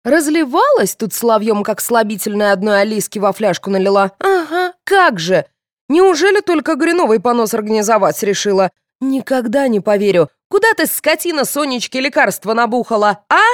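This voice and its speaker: A woman narrator voices a furious middle-aged mother screaming insults, pitching herself above her own voice while still sounding close to an everyday voice. Her delivery is slightly high and lively at normal speed, and the recording is dry and studio quality.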